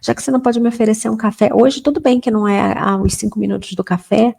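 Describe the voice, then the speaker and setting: Female English teacher, Portuguese first language, chatty and informal, slightly high voice with some vocal fry; slows right down for example sentences. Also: level tone, a little mellow. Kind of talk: online English lesson for beginners.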